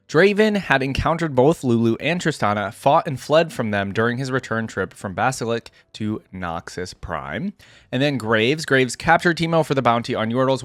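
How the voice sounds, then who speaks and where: A man with a medium-pitched voice hosts a game lore video, reacting casually and reading passages aloud between his remarks. The recording is close and dry, made indoors with no echo.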